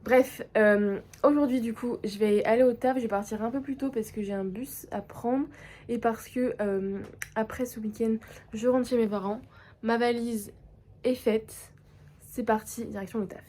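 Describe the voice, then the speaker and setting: A young woman from France chatting casually to camera in a personal vlog, excited and full of fillers. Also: fairly high pitch, moderate pace. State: just woken up, tired. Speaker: vlogger.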